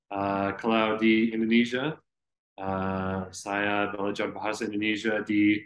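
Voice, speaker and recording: Slow, halting young American man, roomy echo. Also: on the low side, a bit bright. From Florida, United States. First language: English. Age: young adult. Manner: halting second-language speech with frequent hesitations. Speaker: interview guest, student. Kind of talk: conversational interview. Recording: roomy, echoey sound.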